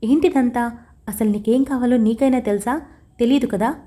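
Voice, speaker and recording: A woman's voice: fairly high pitch, moderate pace, dark tone, lightly acted. A woman reading the lines of a stern, blunt young husband in an audio story, demanding answers directly.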